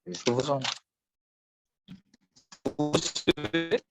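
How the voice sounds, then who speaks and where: A man's voice: a little high, slow pace, over music. A man speaking as a webinar guest, his voice coming through faint and distant over an unclear online call line while he checks the connection. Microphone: video call.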